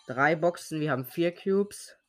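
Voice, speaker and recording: A man's voice: on the high side, unhurried. A young man who is sick with a sore throat gives casual, slangy solo commentary on a game, muttering to himself as he plays. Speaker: host of a gaming podcast.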